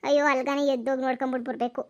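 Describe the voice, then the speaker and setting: Very high squeaky village gossip, rapid chatter, voiced by a woman. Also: little pitch movement, muffled recording, heavy background noise, close to an everyday voice. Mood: gossipy. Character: chatty rural village women, gossiping neighbors. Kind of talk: cartoon comedy voice acting.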